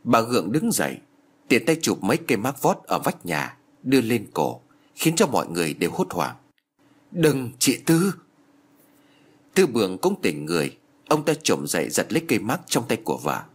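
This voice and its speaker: A man narrating a dramatic story in a suspenseful, expressive way. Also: on the low side, fairly quick, husky.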